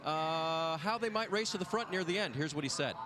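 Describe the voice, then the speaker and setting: Male motorsport pit reporter, high register, live delivery over engine noise. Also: animated, brisk. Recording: clear engine and track noise behind.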